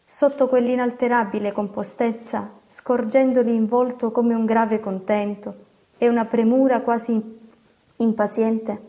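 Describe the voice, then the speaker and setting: A woman narrates a classic novel in a steady, expressive reading. Her voice sits slightly high yet sounds warm and mellow. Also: a little slow. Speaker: audiobook narrator.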